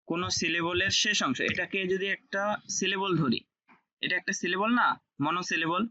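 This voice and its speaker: A man with a very bright, fairly high voice teaches an online class. He explains step by step, repeating key words and checking understanding. The sound is dull and lo-fi. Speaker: French teacher.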